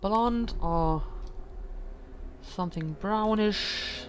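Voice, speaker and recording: Brief: female let's play host, mid-pitched, hesitant and thinking aloud, faint hiss under the voice. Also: extremely slow. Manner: thoughtful, hesitant, many ums. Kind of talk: casual gaming commentary.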